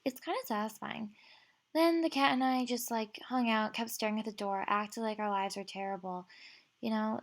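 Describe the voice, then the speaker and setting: Playful young woman narrating a comedic vlog. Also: mid-range voice. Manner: playful, mock-serious storytelling. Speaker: vlogger. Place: home.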